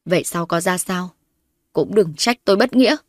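A woman's voice: medium pitch, fairly quick, no echo, clean studio sound, close to an everyday voice. A woman narrator voicing a wronged young wife who confronts her in-laws sharply and defiantly.

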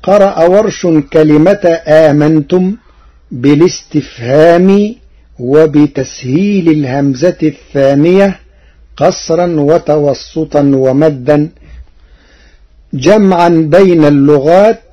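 A man explaining Quran recitation variants in a slow, measured, formal scholarly way on a radio broadcast. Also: on the high side, mellow, lo-fi sound.

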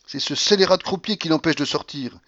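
A man reads a novel aloud, voicing a feverish, imperious old grandmother at the roulette table in a shrill, commanding tone. His delivery is a little fast and a bit bright, and the audio sounds dull.

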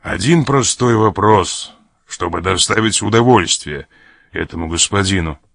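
A man's voice: low-pitched, measured pace, creaky, fairly bright tone, no echo, studio quality, exaggerated voice. A man reading aloud as a sly sailor who mocks and threatens an officer. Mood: mocking. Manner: mocking, laughs at threats. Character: sly mocking sailor, blackmailing a major.

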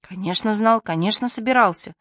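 A woman voicing a grumpy middle-aged male senior police inspector who talks gruffly and hisses hoarsely. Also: mid-range voice, brisk, fairly bright tone, dry recording, studio quality, lightly acted. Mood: grumbling.

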